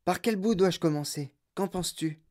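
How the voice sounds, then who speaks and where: An old, frail grandfather in a storybook reading, hushed but bubbling with eagerness, put on by the reader. The voice sits higher than the narration and leans in close. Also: normal speed, close to an everyday voice. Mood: eager hushed. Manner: hushed, eager, raised pitch. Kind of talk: audiobook reading.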